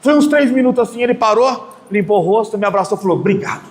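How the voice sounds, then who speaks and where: High-voiced man preaching in an echoey hall. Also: fast. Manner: dramatic storyteller, shifting between loud outbursts and soft asides. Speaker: lay preacher. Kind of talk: storytelling sermon at a prayer group. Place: prayer group meeting hall. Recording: echoey hall with long reverb, faint room noise.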